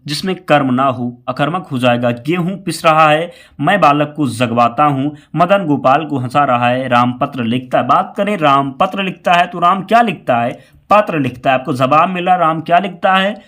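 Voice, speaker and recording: Slightly hoarse and feverish, this man runs an exam-prep quiz lesson at a moderate pace, his fairly high voice carrying a fairly bright tone. He reads each question with its options, repeats the answer, and keeps urging the viewer to remember it.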